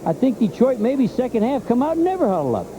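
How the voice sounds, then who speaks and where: A man works as color commentator on a live football game. He is conversational and emphatic, often repeating a point, in a fairly high voice. Stadium noise runs clearly behind him. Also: sing-song, quick pace. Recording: noisy stadium broadcast.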